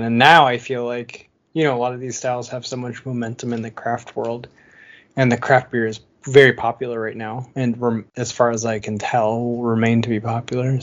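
Chatty laughing man, dull lo-fi sound. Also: medium pitch. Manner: chatty, laughs often, many fillers. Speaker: podcast co-host. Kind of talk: casual chat.

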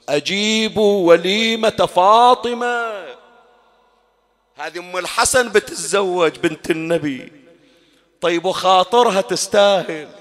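A man with a Bahraini Arabic accent giving a Shia mourning sermon, moving from soft storytelling to loud, wailing climaxes. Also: a little high. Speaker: preacher. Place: mourning hall.

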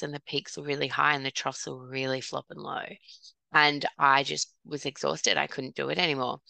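A woman's voice: low voice, vocal fry, bright, forceful tone, dry recording. A woman in her thirties, a podcast guest telling her business story in a chatty, self-deprecating way. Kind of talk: candid storytelling in conversation.

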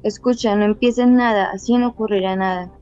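A worn-out husband in his fifties, dodging and flat-voiced, as a woman reads him. Her tone is smooth and even, and the dry, dull audio has faint music behind it. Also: mid-range voice, fairly quick, close to an everyday voice. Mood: weary. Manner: tired, flat, dodging answers. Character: weary evasive husband of fifty-six, man. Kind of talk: audiobook dialogue reading.

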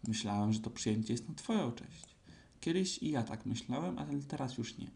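A man voicing a gentle, simple male teddy bear in a storybook reading, soft and modest. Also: medium pitch, expressive, normal speed, vocal fry. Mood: wistful.

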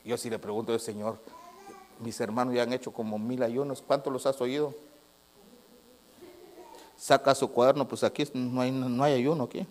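A man, preaching a sermon as pastor, moving from loud proclaiming to low, quiet storytelling and acting out both sides of a conversation. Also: little pitch movement, normal speed, long pauses. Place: church sanctuary.

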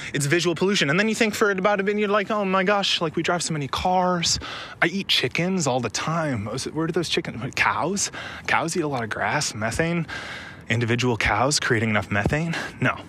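A man's voice: mid-range voice, pushed and bright, slight background noise. A young man vlogging outdoors while he runs by a river, a little out of breath, rambling and swearing as he argues a contrary point. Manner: profane, rambling, provocative. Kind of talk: running vlog monologue. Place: outdoors, running along a riverside.

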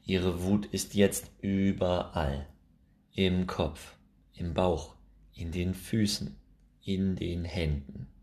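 A man reading a children's story aloud, expressive and measured. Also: low voice. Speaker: narrator.

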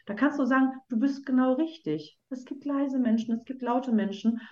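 A woman talks earnestly as a guest in an interview, explaining her ideas through everyday examples. Her voice sits fairly high and keeps pausing on fillers. The recording sounds roomy and dull, like a lo-fi setup. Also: darkish tone. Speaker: children's book author, guest. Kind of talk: conversational podcast interview.

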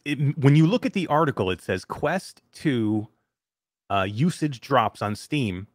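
A man co-hosting a casual chat show, talking in animated rants and often breaking off mid-sentence. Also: mid-range voice, no echo, clean studio sound. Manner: animated, ranting, self-interrupting. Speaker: podcast co-host.

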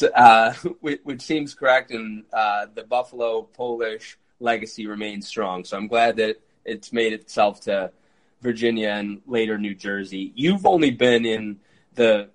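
Low-voiced man hosting an interview. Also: low-quality recording. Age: 30s. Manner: eager, quick talker with frequent fillers. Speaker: podcast host. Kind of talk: conversational interview.

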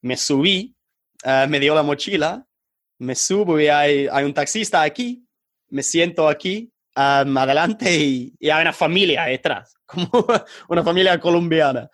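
In a casual interview, a podcast guest from England shares lively stories in Spanish, stumbling and hesitating as he goes. His voice sits on the high side, captured in a dry, studio-quality recording.

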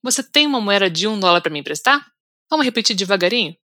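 A Brazilian woman hosts an English-lesson podcast from a script. She repeats each word slowly and carefully for the listener to copy. Her voice is bright and forceful, and the recording is dry and close. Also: mid-range voice, animated, no echo. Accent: Brazilian Portuguese. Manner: slow, deliberate repetition for learners. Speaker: English teacher, podcast host.

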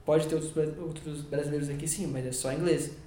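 Fast-talking Brazilian man in an echoey room. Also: fairly high pitch, steady tone, warm tone, a little hiss or hum. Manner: rambling, restarts sentences, searches for words. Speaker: guest. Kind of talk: casual podcast conversation.

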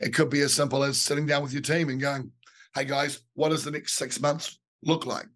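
A man co-hosting a podcast, talking through business ideas in a halting way, repeating words as he thinks, a bit under the weather. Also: on the high side, level tone, fairly bright tone. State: a bit unwell with a bug. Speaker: podcast co-host. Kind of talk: casual business chat.

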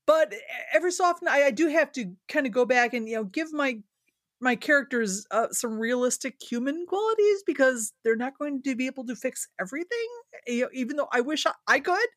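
A woman's voice: high voice, a little fast, no room sound, clean studio sound. A woman hosting a podcast and chatting casually with a guest, teasing and laughing often. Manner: laughs a lot, lively teasing. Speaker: podcast host and writer.

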